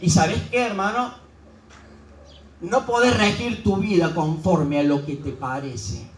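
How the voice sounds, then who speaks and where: A man preaching a sermon as pastor, emphatic and repetitive, often dropping suddenly to a quiet tone. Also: high-pitched, takes it slowly, roomy sound, distant mic, poor audio.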